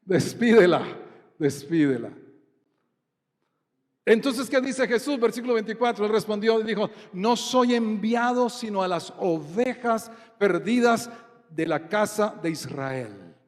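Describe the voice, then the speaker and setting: High-voiced Colombian pastor preaching in a hall. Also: male voice, lively intonation, unhurried. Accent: Colombian Spanish. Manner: preaching with rhetorical questions to the congregation. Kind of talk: sermon. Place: church hall. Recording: long hall reverb.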